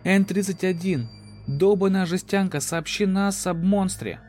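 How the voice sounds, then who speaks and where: A man's voice: fairly high pitch, normal speed, darkish tone, soft background music, voice pushed up, close to an everyday voice. A man playing a desperate wounded spaceship captain, urgent, strained and commanding, in a sci-fi horror audio drama. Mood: urgent, angry.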